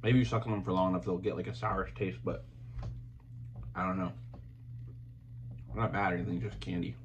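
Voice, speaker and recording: Deep-voiced man chewing candy. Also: fairly even intonation, brisk, dull audio, a little hiss or hum. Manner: rambling, hesitant, lots of fillers. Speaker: vlogger. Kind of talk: casual candy taste test.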